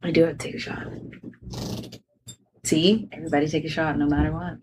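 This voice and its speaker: A woman's voice: low voice, level tone, a little fast. Chatty woman recorded a little far off. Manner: playful, laughing, chatty with many fillers. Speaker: co-host of a drinking game chat. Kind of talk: casual chat. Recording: far from the mic with faint noise.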